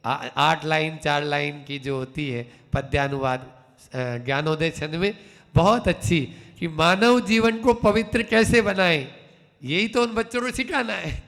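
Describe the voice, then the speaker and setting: A man, a Jain monk, giving a sermon slowly, repeating key phrases in a rhythmic, emphatic way. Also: on the high side, creaky, a bit bright. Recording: hall with long reverb.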